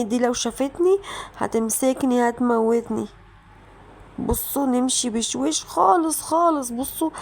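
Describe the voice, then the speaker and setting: An excitable woman with an Egyptian Arabic accent talks viewers through a prank game, chatty and direct. Her voice sits on the high side. She often breaks into loud shouted reactions. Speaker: gaming channel host. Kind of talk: mobile game playthrough commentary.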